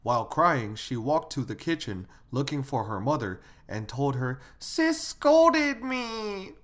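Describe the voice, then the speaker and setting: Guy lecturing on good manners, steady and instructive, mid pitch, asks the listeners stuff. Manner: measured and instructive, asks the audience questions. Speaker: lecturer on moral teaching. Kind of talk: didactic lecture.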